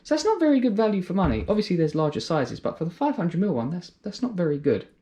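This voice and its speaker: A man's voice: high voice, very animated, fast talker, dark tone. A man giving a casual product review, chatty and thinking aloud as he explains. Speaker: car care reviewer.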